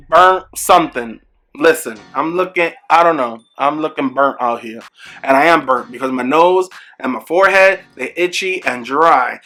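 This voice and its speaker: A young man tells a storytime vlog from a room at home, animated and emphatic, often turning aside to address his viewers. His voice sits a little high and sounds bright and forceful. Soft music plays faintly behind him. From New York. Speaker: small business owner vlogging. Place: home room with product shelves.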